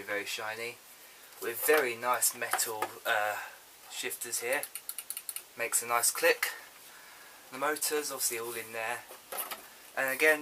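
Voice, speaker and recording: A loud hiss from a built-in camera microphone sits under the voice of a man. He speaks at an average pitch in an informal, halting way, thinking aloud as he presents an unboxing. Small clicks turn up in the recording. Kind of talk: casual unscripted vlog chat.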